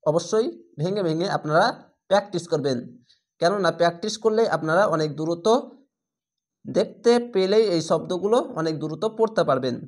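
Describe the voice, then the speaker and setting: Man, high voice, Bangladeshi Bengali accent, recitation teacher, slow syllable-by-syllable drilling, repeats and explains rules. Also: darkish tone. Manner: breaks words into syllables, repeats them slowly and explains rules. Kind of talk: step-by-step recitation lesson.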